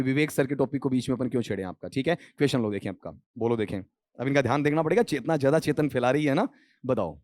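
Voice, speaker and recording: A man's voice: medium pitch, no room sound. A man teaching English grammar to a class in a lecture, calling students beta and quizzing them, then answering himself. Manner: mixes English grammar terms into his Hindi.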